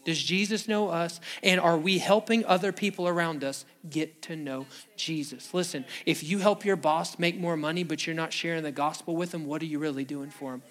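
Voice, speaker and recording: A man's voice: a little high, a bit bright. A man preaching a sermon to his church, telling a Bible story and acting out its quotes. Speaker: pastor. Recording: music playing behind the voice.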